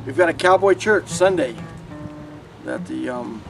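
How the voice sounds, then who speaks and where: A man informally announcing an event as its organizer, in a halting way. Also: fairly high pitch, expressive, creaky. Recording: distant mic, music behind. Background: plucked guitar music.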